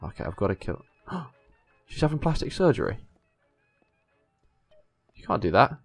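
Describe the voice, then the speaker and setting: A man hosting a gaming video, giving casual, excitable, mildly sweary commentary as he plays with a friend. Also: mid-range voice, moderate pace, creaky, slightly rough, faint music behind.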